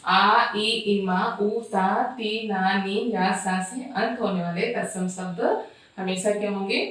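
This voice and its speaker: Slow-speaking woman teaching grammar, echoey. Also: mid-range voice, fairly even intonation, a bit bright, far from the mic. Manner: slow, repeats word lists and asks rhetorical questions. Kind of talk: classroom grammar lesson. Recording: echoey room, voice off-mic.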